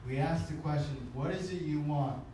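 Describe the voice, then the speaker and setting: A pastor with a high male voice delivers a sermon, pressing his points hard and dropping into low, intense passages. He slips Japanese phrases into his English. The recording catches him from a distance in a very echoey church hall with faint background noise. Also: normal speed. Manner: emphatic preaching, sliding between loud highs and low intense passages. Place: church sanctuary.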